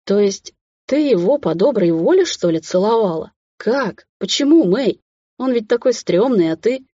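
A woman voicing a carefree, mocking young man who teases in a drawn-out, singsong way. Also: mid-range voice, expressive, mellow, slightly rough, no echo, lo-fi sound, voice pushed up.

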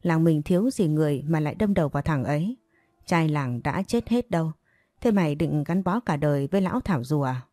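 A woman's voice: low-pitched, expressive, dry recording, clean studio sound. A woman voicing a bossy young village woman who scolds and urges her friend. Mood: scolding. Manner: scolding, quick and forceful.

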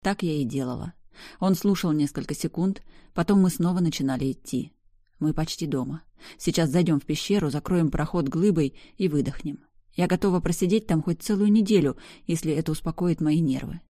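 Female narrator, low dark voice, dry close sound, intense story reading. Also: fairly quick, dry recording. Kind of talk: first-person story reading.

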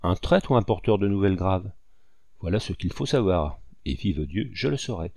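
A man's voice: low-pitched, animated, normal speed, gravelly, darkish tone, no room sound, studio quality, full character voice. A man voicing a tough male hunter who talks in a mocking, teasing way. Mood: wary.

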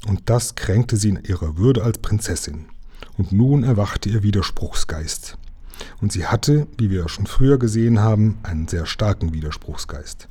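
A man reading a children's storybook aloud in calm, even storytelling. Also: lowish voice, normal speed, slightly rough. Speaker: reader of a children's book.

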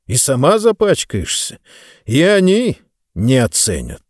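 A man's voice: medium pitch, huge pitch swings, measured pace, no room sound, studio quality. A man voicing a stern, dismissive wealthy father who speaks curtly and gives orders, in an audiobook. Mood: scornful. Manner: curt, scornful, commanding.

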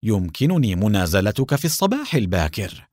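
A man's voice: on the low side, sing-song, a little fast, darkish tone, dry recording, studio quality, voice pushed down. A man voicing a bold young leader of a security team in a storybook reading, earnest and challenging.

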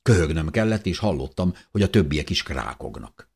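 A man's voice: extremely low pitch, sing-song, creaky, darkish tone, slightly rough. A man narrating a novel in the first person, telling the story expressively as an audiobook reader.

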